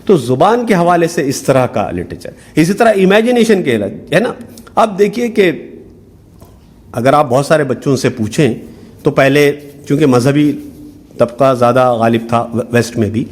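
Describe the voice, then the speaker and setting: A man's voice: mid-range voice, lively intonation, a little mellow. A middle-aged man giving a workshop lecture. He explains step by step, drops English terms into his talk and keeps asking "hai na?". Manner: explanatory, mixing in English terms, frequent "hai na" tag questions.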